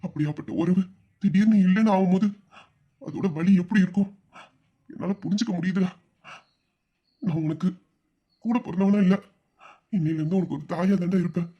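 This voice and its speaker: A devoted young elder brother from an audio story, voiced by a man. His voice sits high for a man, yet he speaks softly and earnestly, often dropping low and quiet. He sounds protective and caring. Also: a little fast, pauses often, dull audio. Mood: tender. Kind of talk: emotional audio-drama acting.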